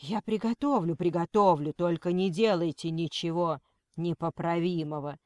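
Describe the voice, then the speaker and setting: A woman with a fairly low, slightly mellow, natural voice speaks at a normal pace in clean studio sound without echo. She plays a middle-aged mother who is frantic yet stubborn, arguing with a kidnapper in a frightened but firm, agitated way.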